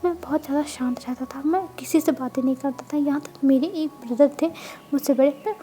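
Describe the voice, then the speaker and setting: A woman voicing a quiet, earnest young man who talks softly and haltingly in a told fanfiction story. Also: sits high, lightly acted. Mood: gentle.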